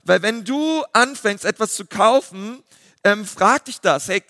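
A man, a pastor giving a lively sermon full of fillers. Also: high-pitched, a little slow, no echo, clean studio sound, long reverb tail. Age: 30s. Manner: lively preaching with filler words.

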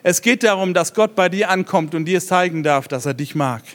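A man preaching a sermon in an animated way, swinging from loud emphasis to hushed, slowed lines. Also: high-pitched. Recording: hall reverb.

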